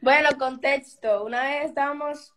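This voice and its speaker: A young woman telling a story in a lively, casual way on a livestream, with easy slang and swearing. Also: sits high, moderate pace. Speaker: livestream co-host.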